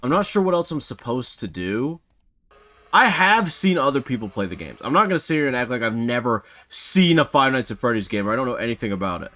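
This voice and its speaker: A gaming YouTuber with a mid-range male voice talks fairly quickly through casual, rambling let's-play commentary. He's self-mocking and excitable, letting out yelps and shouts whenever something startles him.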